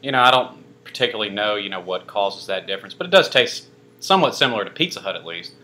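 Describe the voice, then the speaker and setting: A man's voice: on the low side, lively intonation, fast talker, pushed and bright. A young man casually reviewing a pizza on camera, rambling with lots of fillers and dry self-mocking asides. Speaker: food reviewer. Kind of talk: casual food review vlog.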